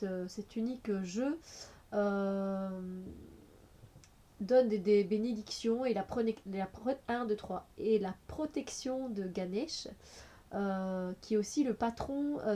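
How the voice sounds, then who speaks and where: A woman's voice: medium pitch, warm tone. A woman with a cold, reviewing an oracle card deck in a casual, hesitant way with many fillers. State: has a cold.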